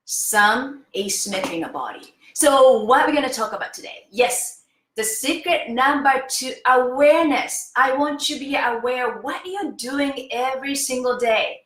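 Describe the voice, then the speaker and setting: A woman's voice: sits high, fairly bright tone, reverberant. Upbeat woman in her fifties teaching face yoga. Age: 50s. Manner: enthusiastic, keeps checking in with "okay?". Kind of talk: interactive online lesson.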